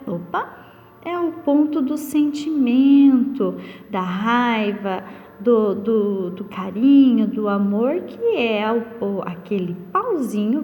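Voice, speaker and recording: A woman teaches young children in a recorded class. She speaks slowly and patiently, and her slightly high voice swings up and down as she asks questions and answers them herself. A long reverb trails after her words. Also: darkish tone. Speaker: primary school teacher. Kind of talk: recorded online class lesson.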